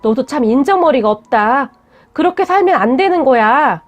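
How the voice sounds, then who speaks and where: A woman's voice: high-pitched, lively intonation, moderate pace, soft background music. A woman voicing a curt, defensive young man who talks bluntly and scolds. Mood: blunt, angry.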